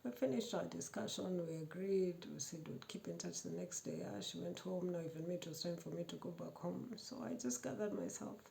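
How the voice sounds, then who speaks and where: A woman giving a personal testimony, telling her story in a lively way, laughing often and acting out the quoted dialogue. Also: fairly low pitch, brisk, creaky, few pauses, slight background noise. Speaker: testimony speaker.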